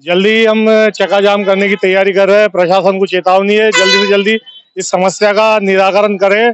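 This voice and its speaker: High-pitched man issuing firm warnings. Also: flat delivery, a little fast, dull audio, noisy background. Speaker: shopkeeper. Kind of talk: street interview.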